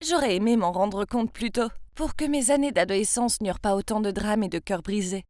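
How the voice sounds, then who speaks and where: A woman's voice: medium pitch, fairly quick, a little mellow, no echo, clean studio sound. A woman in her twenties from France, narrating her own story in the first person with a confiding, emotional manner. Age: 20s.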